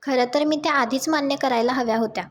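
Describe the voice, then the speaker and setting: A woman reading out the lines of a remorseful young woman who apologizes and begs for another chance, in her high voice. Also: fast talker. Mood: pleading.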